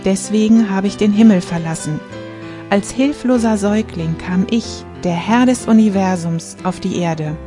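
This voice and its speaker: A woman reading the lines of a gentle divine voice that speaks of peace, joy and love, in a solemn storytelling manner. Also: medium pitch, normal speed, over music, lightly acted.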